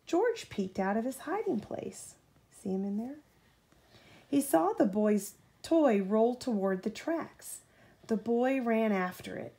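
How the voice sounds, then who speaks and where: Her voice on the high side and creaky, a woman reads a bedtime story to her child in a lively way. She stops every so often to put questions to the little one.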